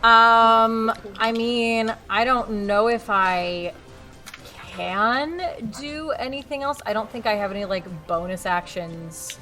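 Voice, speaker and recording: A woman's voice: on the high side, slow pace, sharp tone, faint music behind. A woman playing a tabletop role-playing game, chatting casually with a wry, sarcastic manner.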